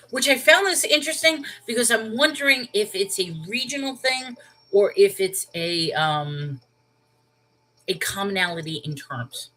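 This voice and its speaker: Chatty woman from New York, lower voice. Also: pushed and bright, rough recording. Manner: chatty, checks in with "okay?" and "all right?"; wondering aloud, rhetorical questions. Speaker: channel host. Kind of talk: casual storytelling livestream.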